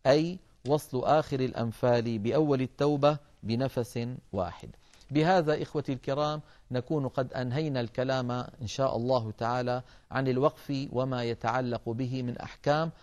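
A man teaching the rules of Quran recitation in a recorded lesson, explaining step by step, addressing listeners as brothers and filling pauses with a drawn-out "aah". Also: mid-range voice, a little mellow.

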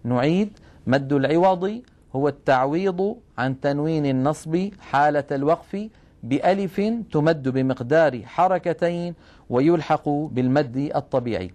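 A man with a somewhat raised voice, teaching in a calm lesson style. He explains step by step and slows right down to stretch out each example word. He sounds middle-aged. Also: a little high. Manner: explains patiently, stretches example words slowly. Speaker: Quran recitation rules teacher.

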